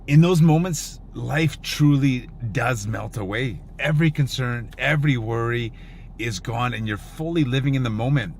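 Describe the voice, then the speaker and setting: A man speaks reflectively and earnestly, repeating phrases for emphasis as if in awe. His voice is mid-pitched with a noticeable gravelly fry, over faint background noise. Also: normal speed. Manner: earnest, awed, emphatic with repetition. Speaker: storm chaser. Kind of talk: reflective personal storytelling.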